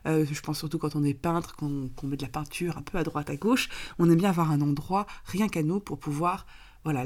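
Female advice vlogger, lowish and raspy, hoarse from recent illness, didactic step-by-step delivery. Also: warm tone. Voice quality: raspy, gravelly voice. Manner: didactic, step-by-step explaining with examples. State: getting over an illness, hoarse with occasional coughing. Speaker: minimalism coach and author, presenter. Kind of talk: advice vlog, explanatory talk.

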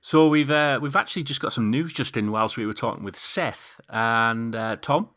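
A man's voice: medium pitch, normal speed, bright, forceful tone. A man hosting a casual podcast, friendly and a bit hesitant. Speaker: podcast host.

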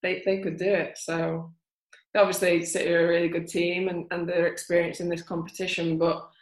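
A woman footballer, a podcast guest, chatting in a relaxed way and thinking aloud. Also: lowish voice, brisk, reverberant, poor audio. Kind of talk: casual podcast chat.

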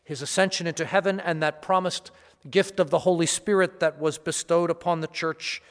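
Male priest, somewhat higher-pitched, solemn homily and scripture delivery, heard with long cathedral-style reverberation. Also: fairly even intonation, moderate pace. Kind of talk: liturgical reading and homily. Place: large reverberant church during Mass.

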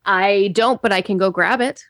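A woman's voice: mid-range voice, normal speed, a bit bright, dry recording, studio quality. A young woman from Canada, a guest voice actor, talking hesitantly about her own audition. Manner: hesitant, self-reflective, laughs often.

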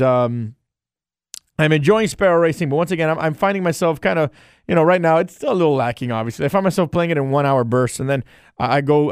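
On his relaxed solo podcast, a man talks in a rambling, good-natured way, his slightly high voice smooth and resonant. The recording is close and dry, free of room sound and echo. He's a podcast host and streamer.

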